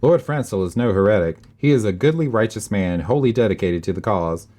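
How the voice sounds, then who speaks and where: A man's voice: on the low side, lively intonation, a little fast, dark tone. A man voicing a loyal male servant of a noble house, reading game dialogue aloud in a formal, dramatic tone with urgency. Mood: urgent.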